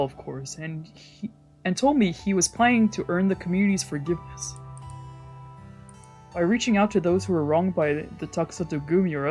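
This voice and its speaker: A streamer with a medium-pitched, darkish voice reads a visual novel's story aloud as scripted narration during a let's play. Now and then she trips over words and rereads phrases, with the game's music playing behind her.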